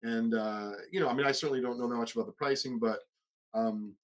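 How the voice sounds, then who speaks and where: A man's voice: mid-range voice, fairly even intonation, fast. A man co-hosts a casual podcast, asking questions and often stopping to correct himself. His voice sits in a middle register, and his speech is loose and full of fillers. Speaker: podcast co-host. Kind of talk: casual chat.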